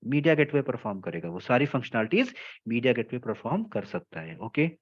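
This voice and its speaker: A man gives a technical class at a patient, deliberate pace, going back over each point and pausing to check that his students follow. His voice sits at an ordinary middle pitch, and the recording sounds somewhat dull and muffled. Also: very animated. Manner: explains slowly in Hindi mixed with English terms, checks in often with "theek hai". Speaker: telecom trainer. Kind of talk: technical lecture.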